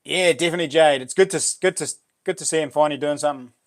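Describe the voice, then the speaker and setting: Rapid-fire and a touch high-pitched, a middle-aged livestream host shoots the breeze with his viewers. He has a broad New Zealand accent and a relaxed, slang-heavy, matey manner.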